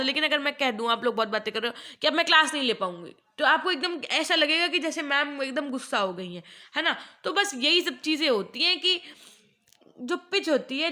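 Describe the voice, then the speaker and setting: Indian woman teacher, high voice, slow careful reading of English notes between quick explanations. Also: sharp tone. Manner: explains in Hindi, reads English lines slowly. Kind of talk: online class lecture.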